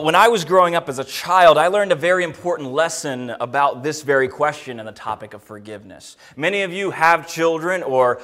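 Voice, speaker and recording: A man's voice: fairly high pitch, a bit bright. A man preaching a sermon and leading prayer at a pulpit microphone in a church, telling stories in an earnest way. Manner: earnest, storytelling, rising energy in anecdotes. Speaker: guest preacher. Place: church sanctuary.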